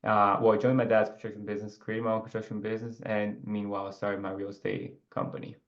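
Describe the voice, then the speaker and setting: A young man from Ecuador talks as a guest over a video call. His voice sits low and stays fairly level, with easy, meandering phrasing full of fillers. The audio comes through muffled and lo-fi. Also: fast talker. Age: 20s. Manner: relaxed, rambling, with filler and restarts. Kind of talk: casual interview.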